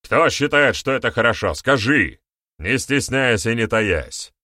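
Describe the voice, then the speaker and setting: A man brings to life a commanding warrior-chief in an audiobook, his voice raised and hammering each phrase. He talks slowly and heavily, with a dry close sound. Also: deep voice, dry recording, exaggerated voice. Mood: stern. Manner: forceful, emphatic, barking orders. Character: stern young male warrior-chief, commanding. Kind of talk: audiobook character voice.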